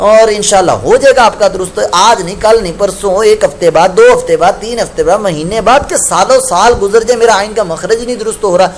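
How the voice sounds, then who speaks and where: Man, high-pitched, Quran recitation teacher, patient, slow chanted examples, light background hiss. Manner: patient, corrects common mistakes, chants examples slowly. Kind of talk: tajweed lesson with recited examples.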